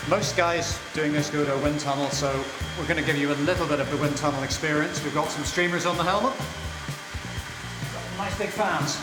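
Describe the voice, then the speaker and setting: A man's voice: fairly high pitch, a little fast, music in the background. A man coaching a cyclist, blunt and direct, giving practical advice in an indoor training room. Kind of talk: coaching chat. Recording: roomy echo.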